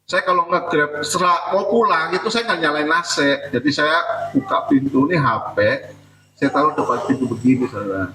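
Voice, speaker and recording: A man's voice: a little high, normal speed, bright, forceful tone, slight background noise. A male pastor preaching a conversational sermon in a church, telling jokes and acting out prayers. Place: church hall. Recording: echoey hall, picked up from a distance.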